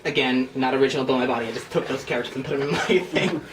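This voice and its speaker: This twenties-aged host and scriptwriter races through his words at medium pitch as he shows off his old scripts. The talk is a loose, giggly group chat full of rambling, self-deprecating explanations, captured with a distant mic in an echoey, noisy room.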